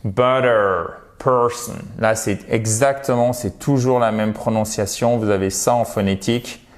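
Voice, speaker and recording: A man's voice: on the low side, steady tone, a little mellow. A man teaching English pronunciation in a video lesson, encouraging and talking straight to his viewers. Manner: slow, drawn-out English model words; encouraging, addresses viewers directly.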